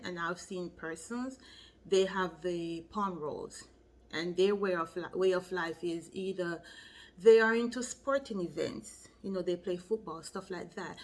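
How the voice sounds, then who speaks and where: In a casual advice vlog filmed to camera, a loctician and channel host with a Jamaican accent walks through things step by step. She frequently checks in by asking "okay?". Her voice is medium-pitched and a bit bright.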